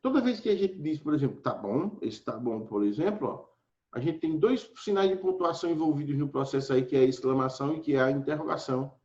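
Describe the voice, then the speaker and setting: A man's voice: fairly high pitch, lively intonation, fast talker, a little mellow. A man teaching an online grammar lesson in a casual, teacherly way, constantly checking in with his students. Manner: casual teacherly, frequent "tá certo?" check-ins. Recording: echoey dull lo-fi room recording.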